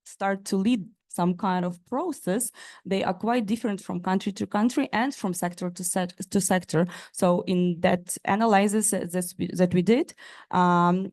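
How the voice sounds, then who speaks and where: A woman on a conference panel speaks slowly and haltingly, often pausing with uh and um. Her voice sits fairly low. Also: a little mellow. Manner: halting, many fillers and restarts. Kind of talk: panel discussion.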